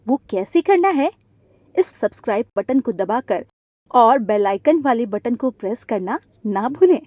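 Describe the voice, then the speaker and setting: A woman's voice: fairly high pitch, lively intonation, unhurried, dark tone. A woman hosting a cartoon channel, making an upbeat, pleading appeal to viewers. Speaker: channel host. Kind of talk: subscribe appeal.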